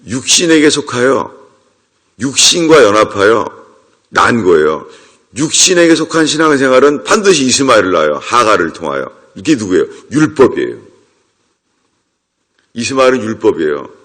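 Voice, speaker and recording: A man's voice: mid-range voice, big pitch swings, moderate pace, long pauses, fairly bright tone. A middle-aged man preaching a sermon as a pastor, emphatic, acting out quoted voices.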